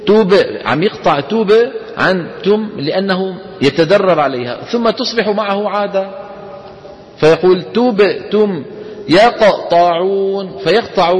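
A man teaching a class. He explains step by step, poses questions and answers them himself. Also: fairly high pitch. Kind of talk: classroom lesson. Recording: long hall reverb.

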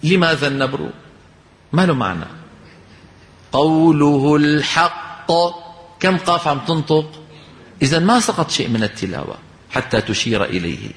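A man teaching Quran recitation. He asks questions, answers them himself and slowly chants the verses he uses as examples. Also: mid-range voice, very animated, a bit bright. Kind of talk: recitation lesson. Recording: long hall reverb.

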